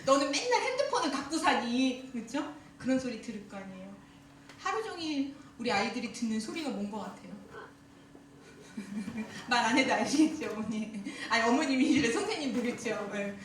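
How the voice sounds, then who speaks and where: Female seminar speaker, high voice, lively and laughing, booming hall echo. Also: moderate pace, a little hiss or hum. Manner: lively, questions the audience and laughs often. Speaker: speaker at a church teachers' seminar. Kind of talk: interactive seminar talk. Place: church hall. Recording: echoey hall, voice from far off.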